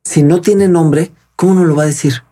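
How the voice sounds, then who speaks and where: A man's voice: fairly high pitch, normal speed, mellow, breathy edge. A man speaks earnestly as an interview guest, explaining step by step and acting out quoted dialogue. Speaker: guest expert on child protection.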